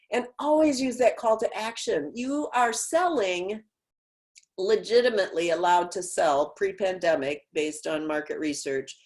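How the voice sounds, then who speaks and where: A woman giving a marketing webinar over a video call, talking in a lively conversational way with many rhetorical questions. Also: medium pitch. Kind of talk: webinar talk.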